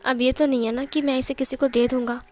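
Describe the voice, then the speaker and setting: A woman voicing a devoted young man who pleads softly with his beloved in a read-aloud story. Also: high-pitched, little pitch movement, a little fast, lightly acted. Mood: tender.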